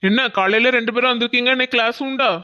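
A chatty woman helping at a music class in a cartoon, as a woman voices her. She talks quickly. The recording is dull and lo-fi. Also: a little high, steady tone, natural voice. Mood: friendly.

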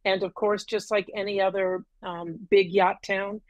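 Unhurried and a little mellow, a middle-aged woman's mid-range voice shows little pitch movement as she tells her story at length, with many ums and uhs. She is a video-call guest in a casual interview from a green-walled home room. There is no room sound, and the highs are cut off.

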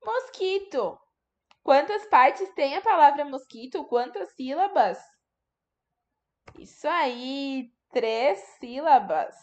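A woman's voice: high voice, expressive, takes it slowly, a little mellow, highs cut off. A woman teaching a remote lesson to young children, patiently sounding out words syllable by syllable. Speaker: primary school teacher.

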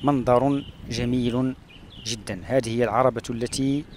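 A man from Morocco narrating his travels along a rural road and through a palm oasis, pausing often with "uh" fillers. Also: medium pitch, fairly even intonation, darkish tone, slight background noise. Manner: hesitant, with frequent "uh" fillers and pauses. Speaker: travel vlogger.

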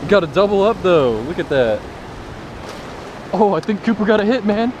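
Excitable young man on a windy beach. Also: high-pitched, moderate pace. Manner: excitable, joking, talks to viewers. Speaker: fishing vlogger. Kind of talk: casual excited vlog commentary. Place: beach by the surf, outdoors. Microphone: action camera. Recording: wind and surf noise.

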